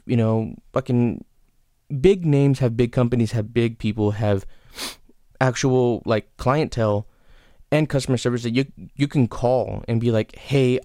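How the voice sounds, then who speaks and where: A man's voice: medium pitch, a little mellow, no room sound, studio quality. A man hosting his own podcast, giving frank, rambling advice with lots of fillers and restarts. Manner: frank, casual swearing. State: has the hiccups. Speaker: podcast host. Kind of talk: casual solo podcast advice.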